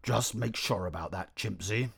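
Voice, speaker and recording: A man voicing a calm, thoughtful male circus lion who speaks in a measured, matter-of-fact way with a husky, gravelly voice. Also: fairly low pitch, full character voice.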